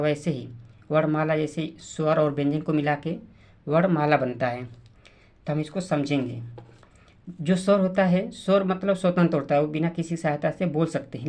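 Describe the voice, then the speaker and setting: Low-voiced woman teaching slowly. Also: darkish tone. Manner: repeats words, spells letters aloud, many restarts. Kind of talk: slow classroom explanation.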